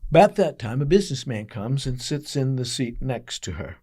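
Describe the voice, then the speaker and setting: A man as a pastor giving a daily devotional message, telling a story earnestly with emphatic pauses. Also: mid-range voice, sing-song, mellow.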